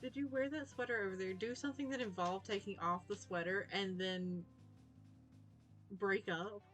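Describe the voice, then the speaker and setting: A woman's voice: mid-range voice, steady tone, moderate pace, fairly bright tone. Giggly woman hosting a casual let's play. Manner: informal, giggly, self-interrupting. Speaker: gaming video host. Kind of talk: casual let's play, reading game text aloud. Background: music.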